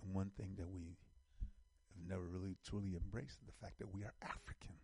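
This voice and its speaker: A man's voice: sits low, flat delivery, normal speed, dark tone, breathy edge, no echo. A middle-aged man from the United States hosting an online show, giving casual commentary while reading an article, emphatic and repeating phrases as he builds lists.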